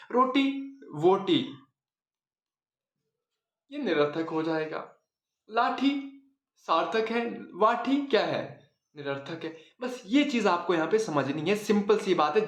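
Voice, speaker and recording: High-voiced man teaching in an echoey room. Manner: chatty, repeats words for emphasis, asks and answers himself. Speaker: Hindi grammar teacher. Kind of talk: casual classroom lesson.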